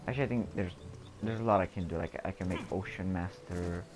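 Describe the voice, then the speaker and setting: A low-voiced man hosts a gameplay video, talking casually, rambling and pausing as he thinks aloud. His intonation stays fairly even. Game music is clearly audible behind him.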